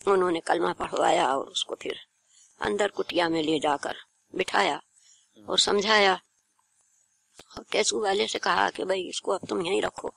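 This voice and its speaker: Older woman, grandmother storyteller, folk tale, very gravelly, homely tone. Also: fairly low pitch, a bit bright. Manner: homely, addresses listener as child.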